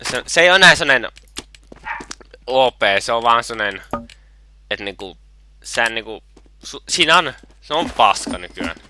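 A man jokes and teases his friend while gaming, with a very bright, sharp edge to his voice. His pitch swings widely as he goes. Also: lively intonation, long pauses, a little hiss or hum. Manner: teasing, joking. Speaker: gamer. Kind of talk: casual gaming chat.

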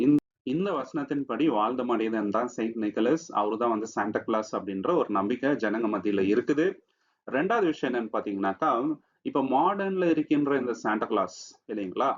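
Man preaching conversationally. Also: medium pitch. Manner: conversational, addresses listeners with frequent tag questions. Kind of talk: sermon-style teaching video. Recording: slightly dull lo-fi recording.

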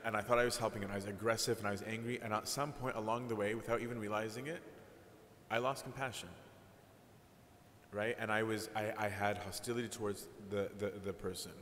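A man's voice: lowish voice, fairly bright tone. A male priest giving a conversational sermon, candid and self-deprecating, often checking in with "right?". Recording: echoey hall, faint background noise.

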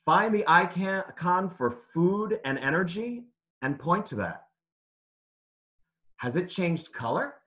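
In an interactive read-aloud lesson, a man speaks to children the way a teacher would, using simple phrases and asking them questions. His voice is high and a bit bright, with a sing-song lilt, and he goes slowly, pausing often.

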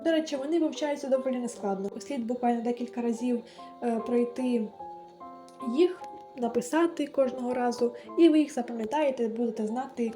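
A young woman in her late teens talks through study advice with an earnest, gentle manner. Her voice sits on the higher side. The room rings noticeably, and clear background music plays under her speech. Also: roomy sound. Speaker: vlogger. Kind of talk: advice vlog narration.

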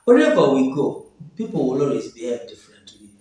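A young man, a pastor from Uganda, preaching a sermon in a steady, earnest way that keeps repeating his phrases. He sits at a table in a small indoor room, recorded by a camera some distance away. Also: medium pitch, a little fast. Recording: echoey room, voice from off-mic.

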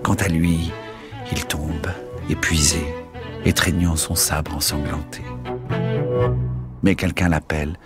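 Man narrating audiobook, very low voice, measured dramatic reading, faint music behind. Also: fairly even intonation.

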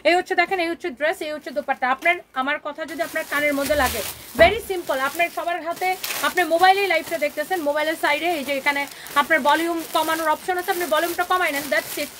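A woman hosting a live online clothing sale, talking in a fast, emphatic, repetitive sales patter that mixes in English words. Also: sits high, steady tone, a bit bright, slight background noise. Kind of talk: live-stream sales pitch.

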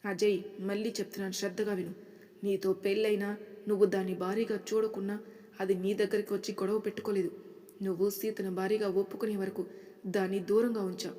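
Woman doing a stern father, lecturing, steady mid pitch, long reverb. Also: brisk, close to an everyday voice.

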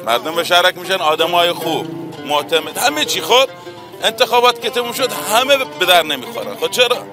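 A man's voice: high voice, very animated, over music. A man, a local resident, talking indignantly with rhetorical questions.

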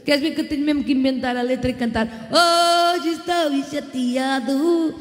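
A woman's voice: high-pitched, steady tone, very fast, darkish tone. A middle-aged woman from Portugal with a European Portuguese accent, hosting a live stream: chatty and bawdy, laughing often and sending kisses to viewers. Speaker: live-stream host and keyboard singer. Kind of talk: casual live-stream chat with shout-outs. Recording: echoey room with long reverb and music.

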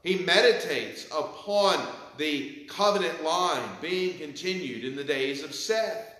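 Slow, bright-voiced preacher in echoey church. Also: male voice, on the high side. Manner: measured preaching, reads scripture with rising emphasis. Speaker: pastor. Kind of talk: sermon. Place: large church sanctuary, behind the pulpit. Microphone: pulpit mic, far camera.

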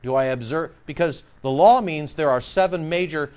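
A male pastor preaching a sermon in an animated way, throwing out sarcastic rhetorical questions. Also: a little high, moderate pace, smooth.

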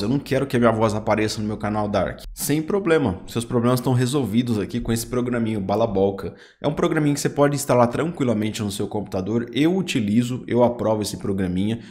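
A man with a Brazilian Portuguese accent hosting a software tutorial, chatting straight to the viewer and pointing out each step. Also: mid-range voice. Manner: chatty, addresses viewer directly, pointing things out. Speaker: YouTube tutorial host. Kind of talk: screen-recorded software tutorial.

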